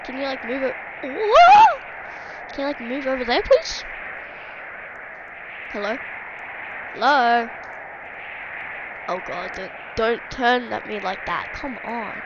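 A woman's voice: fairly high pitch, moderate pace, few pauses, dull audio, background noise. A woman doing chatty, easily startled let's-play commentary, often jumping at things. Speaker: gaming video creator.

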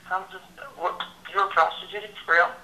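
A man's voice: high-pitched, level tone, brisk. A man chatting casually as a friend on a phone call, heard through a speakerphone. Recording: sharp roomy speakerphone, faint noise.

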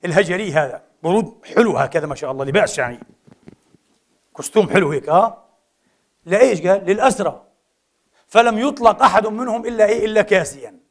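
Fast, high-voiced man preaching a sermon. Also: creaky. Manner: animated, rhetorical questions, quick asides.

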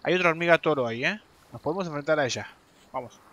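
A man's voice: a little high, fast talker, pushed and bright. A young man giving chatty live commentary as he plays a game, talking straight to his viewers and swearing and yelping when fights go badly. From Argentina. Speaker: game streamer.

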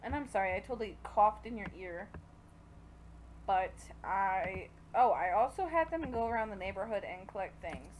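A young woman who makes gaming videos chats away casually as she plays, commentating and talking to the on-screen characters. She's pregnant and feeling hot. Her medium-pitched voice is animated at a moderate pace, with slight background noise.

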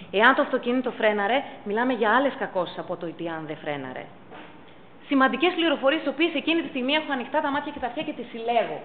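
Female instructor, emphatic, fairly high lively delivery, phone-thin recording. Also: narrow, tinny audio, slight background noise. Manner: emphatic, repeats key points. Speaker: first aid instructor. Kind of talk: public talk on pet first aid. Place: council chamber.

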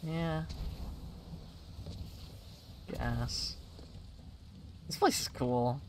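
A young man casually commentating a game stream, excitable and giggly, thinking out loud as he plays. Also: mid-range voice, extremely slow, noisy background.

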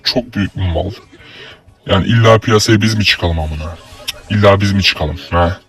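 Young turkish man, gaming commentary, lower voice, foul-mouthed, sudden yelling bursts, faint game music behind. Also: normal speed, husky. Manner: crude, swearing, yells at opponents in bursts. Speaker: gaming YouTuber. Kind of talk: live gameplay commentary.

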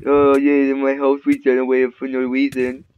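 With a medium-pitched voice and a completely flat, measured delivery, a man records a Minecraft video. He swears and teases his opponent in casual gaming chat, captured on a muffled, dull mic with faint noise.

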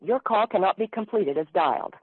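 A woman's voice: mid-range voice, fairly quick. A woman's recorded telephone intercept announcement, built from spliced-together words and read in a polite, formal manner. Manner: polite, even, formal phrasing. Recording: tinny phone line with loud hiss.

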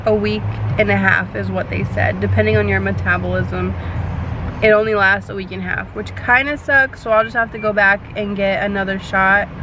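A woman's voice: a little high, noisy background. A young woman chatting casually to viewers while she sits in her car between delivery orders, rambling and full of "like" fillers. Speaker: delivery driver vlogger. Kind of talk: casual chat while driving. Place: inside a parked car.

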